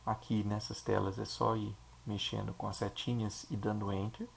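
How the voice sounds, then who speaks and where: A man with a Brazilian Portuguese accent, a teacher explaining a software installation step by step and checking in with his listeners. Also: fairly low pitch, little pitch movement, normal speed, creaky, slight background noise. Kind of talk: screen-recorded software tutorial.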